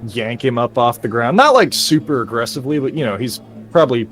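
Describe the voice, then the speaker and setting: A young man playing a tabletop game, describing his character's actions calmly. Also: mid-range voice, fairly quick. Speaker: player. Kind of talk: casual tabletop play. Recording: faint music in the background.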